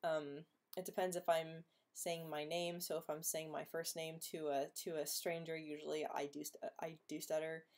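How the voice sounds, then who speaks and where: Deep and darkish, with little pitch movement and normal speed, this woman's voice carries a live stream where she casually responds to viewers' comments. Repeated sounds and blocks mark her stutter, and laughter comes often.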